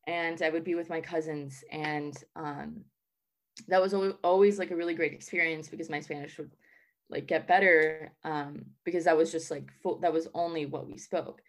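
A young woman from the Southern United States chats casually through interview questions, filling her answers with "like" and "um." Her voice is low-pitched and steady, and she speaks at a moderate pace.

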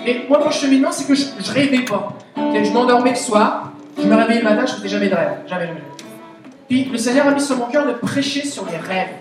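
Québécois woman preacher, chatty and animated, slightly high voice, far off in a booming hall. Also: fast. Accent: Québécois French. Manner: chatty, animated, asks the audience questions. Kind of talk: conversational sermon. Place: church meeting hall. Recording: very echoey hall, voice from a distance. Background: soft guitar music.

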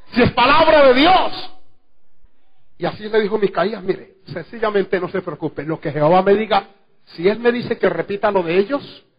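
A man preaching a sermon with fervor, his voice rising to loud exclamations and dropping to low murmurs. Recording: dull lo-fi sermon recording.

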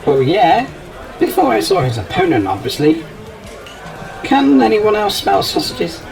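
An actor playing a brash, boozy robot rogue in a comic sci-fi audio drama, cheeky and blunt. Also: male voice, sits high, huge pitch swings, unhurried, creaky, a little mellow, faint music behind, exaggerated voice. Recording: busy crowd chatter behind.

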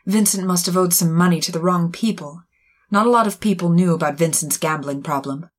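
A lowish, husky voice, a woman playing a glamorous femme fatale in a noir radio play. She talks in a cool, measured way. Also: lightly acted. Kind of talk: noir radio drama acting.

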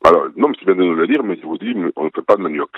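Deep-voiced man on a muffled phone line. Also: very fast, dry recording. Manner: direct, businesslike, repeats himself. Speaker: restaurant owner answering a call. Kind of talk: phone conversation. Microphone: telephone.

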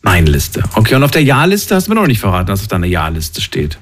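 A man's voice: deep voice, huge pitch swings, fast talker. A man in his thirties hosting a call-in show, chatting casually and asking probing questions, often repeating himself as he starts them. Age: 30s. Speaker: radio call-in host. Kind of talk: casual phone-in chat.

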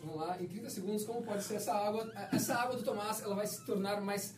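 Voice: medium pitch, fairly even intonation, quick pace, distant mic. A playful host keeps a casual chat moving with jokes and prompts. The voice sounds roomy and set back from the mic, with faint music underneath. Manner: playful, joking, leads the conversation.

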